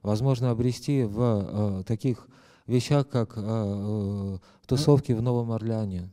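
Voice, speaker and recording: Very dark-voiced man interpreting live. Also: lowish voice, a little slow. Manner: hesitant, many fillers and self-corrections.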